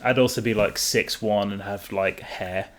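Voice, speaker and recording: A man's voice: on the low side, fairly even intonation, normal speed, slight background noise. A young man, hosting a casual chat podcast and talking in a loose, profane, filler-heavy drawl. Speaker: podcast host.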